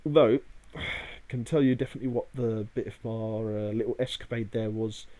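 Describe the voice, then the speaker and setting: A man's voice: fairly low pitch, flat delivery, moderate pace, mellow. Man, rambling and hesitant co-host. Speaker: podcast co-host. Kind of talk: casual chat about a day out.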